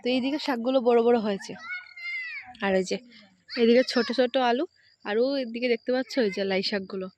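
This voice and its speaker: An Indian village lifestyle vlogger talks quickly and softly in a voice on the high side, narrating casually on a handheld phone camera in a dry recording. Tired and hungry from walking, she moves along village paths and fields, quietly passing neighbours' yards, before arriving home.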